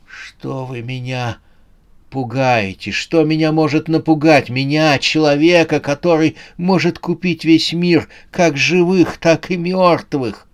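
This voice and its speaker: A man voicing a greedy old male billionaire who shouts, pleads and bargains in a strained, high voice. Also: slow pace. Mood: defiant.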